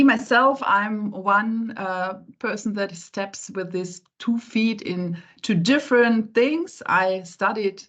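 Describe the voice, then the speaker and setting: A woman's voice: mid-range voice, fairly bright tone. A middle-aged woman introducing herself conversationally as a panelist in an online meeting. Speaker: panelist, software company CEO. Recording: slightly dull online call audio.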